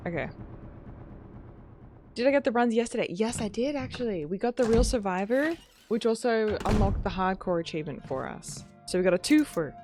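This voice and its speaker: A woman game streamer chatting casually with her viewers while playing, a little sleepy. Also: mid-range voice. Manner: chatty, talks to viewers, drawn-out greetings. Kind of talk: casual live-stream commentary while gaming.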